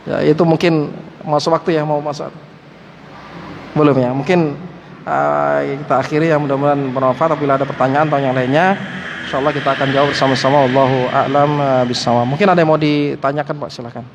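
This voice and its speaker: A man with a high voice gives a relaxed sermon to a mosque study circle, often teasing his listeners and calling them Pak. His voice rings through a hall with a long echo, with faint noise underneath. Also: fast talker, creaky, muffled recording. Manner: lively, joking, addresses listeners as Pak and antum. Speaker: Islamic teacher.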